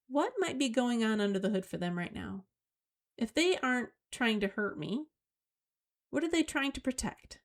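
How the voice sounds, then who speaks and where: A middle-aged woman hosting a solo talk on emotional skills, coaching listeners in a slow, deliberate way. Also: medium pitch. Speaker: host.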